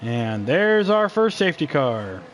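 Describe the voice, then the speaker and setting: A man doing live play-by-play commentary on a sim race, joking and switching quickly between calling the action and banter with his co-host. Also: fairly high pitch, big pitch swings, a little hiss or hum.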